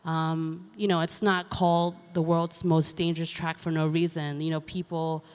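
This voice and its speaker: A young woman from Hong Kong talks casually on a conference stage, filling her sentences with "um" and "you know." Her voice is smooth and clear and sits a little low. Her words ring with the long reverb of a large hall. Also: level tone, normal speed. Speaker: panel speaker, racing driver. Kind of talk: conference panel talk.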